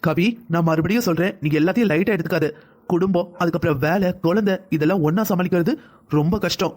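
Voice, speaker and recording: A man's voice: high-pitched, fast talker, a little mellow. A man voicing a cautious young husband in a family cartoon, firmly lecturing his wife. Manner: firm, lecturing. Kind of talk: cartoon voice acting.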